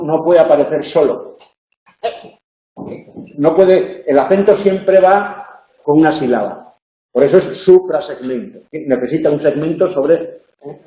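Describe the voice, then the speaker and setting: In an echoey classroom captured with dull, lo-fi sound, a university lecturer runs a phonology tutorial. His voice is mellow and on the high side, and he explains things step by step, often saying "eh" and tacking on tag questions.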